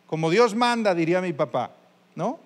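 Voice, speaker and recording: High-voiced pastor preaching in a hall. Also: male voice, animated, normal speed. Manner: conversational preaching, addresses listeners directly with questions. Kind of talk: sermon. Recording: long reverb of a large hall.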